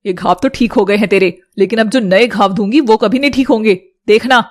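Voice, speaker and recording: A woman's voice: medium pitch, brisk, darkish tone, natural voice. A woman voicing a cruel, taunting stepmother in a storybook drama, with a harsh, cackling manner. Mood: gloating. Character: cruel, gloating adult stepmother.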